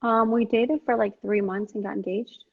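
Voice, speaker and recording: A woman's voice: on the high side, fairly even intonation, moderate pace, gravelly, slightly rough, phone-quality sound. A woman in her forties chatting casually as a guest on a live stream, upbeat and full of "like" and "um". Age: 40s. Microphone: remote call audio.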